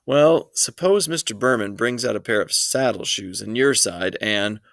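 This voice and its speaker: A man reading aloud voices a fussy, worried mother of two boys, talking higher and slower than his own voice. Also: expressive, creaky, fairly bright tone, no room sound, studio quality. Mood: scheming. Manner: anxious, fussing, higher slower voice.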